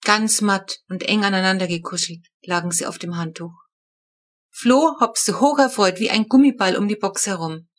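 A woman narrating a children's book with lively, expressive storytelling. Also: mid-range voice, normal speed. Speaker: audiobook narrator.

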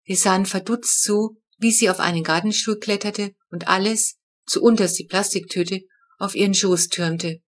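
A woman reading a children's story aloud with lively storytelling. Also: medium pitch, moderate pace. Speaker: audiobook narrator. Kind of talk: scripted narration.

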